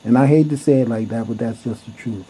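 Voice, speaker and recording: A man's voice: mid-range voice, fast, mellow, slight background noise. A man telling a story to camera in a blunt, heated way, cursing freely as he goes. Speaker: vlogger. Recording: dull lo-fi recording.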